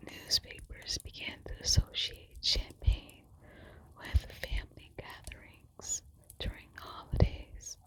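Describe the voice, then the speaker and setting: Woman, breathy unvoiced whisper, hushed librarian manner, slow pace, measured ASMR fact reading. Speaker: ASMR presenter.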